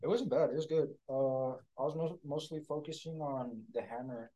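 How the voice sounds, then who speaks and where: A man's voice: mid-range voice, moderate pace, dark tone, poor audio. A young man in casual banter with friends, giving short, teasing, slangy frat-bro replies. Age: young adult. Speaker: baseball pitcher.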